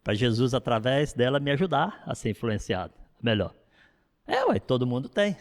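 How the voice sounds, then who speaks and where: A man with a Brazilian Portuguese accent preaching a sermon, chatty and animated with playful asides. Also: medium pitch, normal speed. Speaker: pastor. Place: church hall. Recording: long hall reverb from a church.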